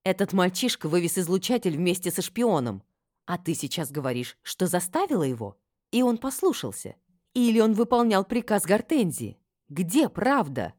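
Woman doing a strict noble mom, firing questions, voice raised high. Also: big pitch swings, moderate pace, no echo, studio quality. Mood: demanding. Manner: interrogating, sharp, raised. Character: stern noble older mother, demanding.

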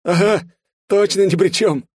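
A man's voice: fairly high pitch, expressive, normal speed, darkish tone, dry recording, studio quality, pitched above the performer's own voice. A man voicing a playful, mocking young man who laughs and teases. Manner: teasing, laughing.

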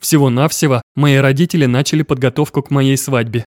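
Slow measured male audiobook narrator. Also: mid-range voice, fairly even intonation, darkish tone, no room sound, clean studio sound. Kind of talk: first-person audiobook narration.

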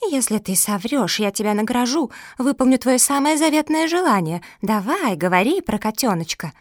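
A woman's voice: on the high side, expressive, normal speed, dry recording, clean studio sound. A woman voicing a sly, wicked sheepdog monster in a storybook reading, coaxing and wheedling.

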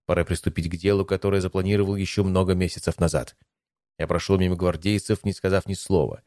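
A man narrating a first-person audiobook in an even, measured reading. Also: deep voice, no room sound, clean studio sound.

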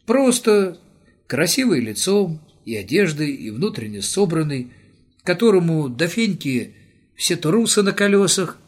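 A man's voice: on the high side, very animated, a little slow, breathy edge, voice pushed up, exaggerated voice. A man voicing a stern, brash young man who lectures others impatiently.

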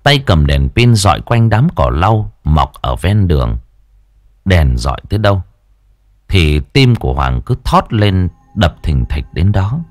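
Low, expressive male storyteller. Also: no echo, clean studio sound. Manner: expressive, drawn-out for suspense. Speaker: audiobook narrator. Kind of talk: dramatic horror story narration.

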